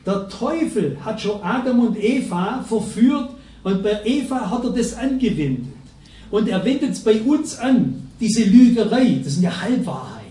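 A man's voice: high voice, dark tone. A man preaching a sermon, telling stories in an emphatic, conversational way. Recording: echoey hall, distant from the mic.

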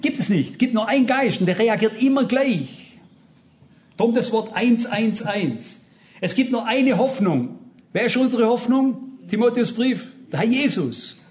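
A man's voice: very high voice, lively intonation, unhurried, darkish tone. A man preaching an earnest, emphatic sermon, speaking directly to his congregation. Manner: retells an anecdote with dialogue.

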